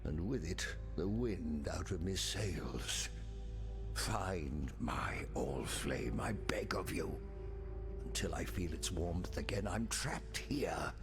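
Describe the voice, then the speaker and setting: An actor voicing a pompous, theatrical, melancholy ghost of a marooned sea captain in a video game, with florid delivery and breathy endings. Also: male voice, low voice, lively intonation, slow, over music, full character voice. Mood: forlorn, bitter. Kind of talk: scripted video game character dialogue.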